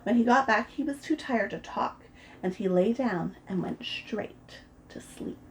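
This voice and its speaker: A woman reading a children's picture book aloud, gentle and expressive as a preschool storyteller. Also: a little high, unhurried, slight background noise, low-quality recording. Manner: gentle and expressive, voices the characters.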